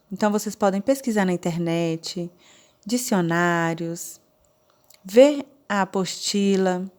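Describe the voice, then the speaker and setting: A woman with a Brazilian Portuguese accent teaching a recorded online lesson, explaining slowly and step by step. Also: medium pitch, darkish tone. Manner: slow, deliberate, explaining step by step. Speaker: sign language teacher.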